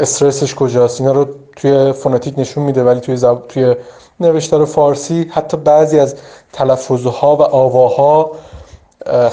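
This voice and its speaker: A man talks through vocabulary study tips like a teacher addressing learners directly. His voice is mellow and warm. He explains informally and often pauses on filler sounds. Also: mid-range voice. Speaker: English teacher. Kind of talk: vocabulary study advice lesson.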